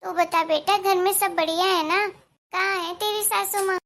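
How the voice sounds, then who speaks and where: A woman plays a worried middle-aged mother on the phone in a cartoon story. She explains things softly and reassures. The voice stays very high. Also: steady tone, moderate pace. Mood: gentle.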